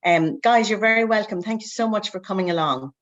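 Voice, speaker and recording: A woman's voice: mid-range voice, a little fast, highs cut off. A woman hosting a casual recruitment podcast interview, chatty and upbeat as she asks her guests questions.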